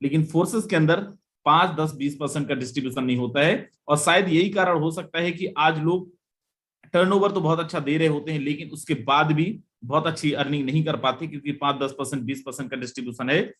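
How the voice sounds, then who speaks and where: A man presenting a live online webinar, delivering an emphatic, repetitive sales pitch and lifting his voice on every "my friend" to call out to the audience. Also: fairly even intonation, fairly quick, a bit bright.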